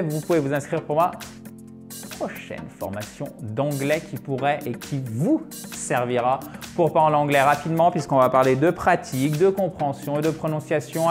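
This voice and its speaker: Man, native French speaker, English teacher, slightly high voice, animated, slow pronunciation drills. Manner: lively, repeats example sentences slowly with pronunciation drills. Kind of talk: French-language English lesson.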